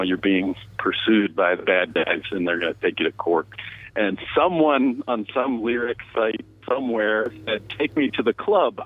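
Low-voiced man on a tinny phone line. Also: dry recording. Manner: relaxed, laughs easily. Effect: heard over the phone. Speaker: music producer guest. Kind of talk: casual interview chat.

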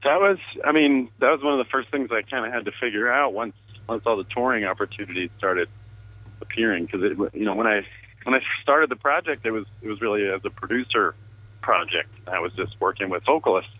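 A relaxed man speaks over a phone line that sounds thin and tinny. His voice sits low, and the line is dry with no room sound. He chats casually and laughs often. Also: a little fast, no room sound. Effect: heard over the phone. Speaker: music producer guest. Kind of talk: casual interview chat.

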